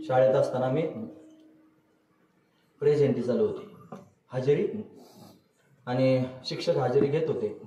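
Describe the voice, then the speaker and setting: Preacher in an echoey hall. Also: male voice, a little high, mellow, muffled recording, slight background noise. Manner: storytelling, asks the audience questions, chuckles. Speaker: kirtan preacher. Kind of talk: devotional kirtan sermon with anecdotes. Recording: echoey hall recorded from a distance, faint music.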